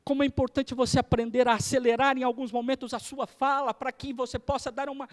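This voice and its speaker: Expressive man lecturing on preaching. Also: very high-pitched, fast. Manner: expressive, varies pace and loudness for emphasis. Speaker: theology professor. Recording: hall reverb.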